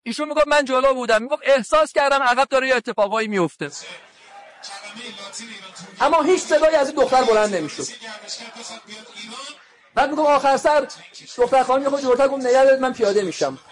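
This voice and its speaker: High-voiced cleric telling stories. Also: male voice, pauses often. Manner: retells dialogues with quoted voices, colloquial. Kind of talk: sermon with anecdotes.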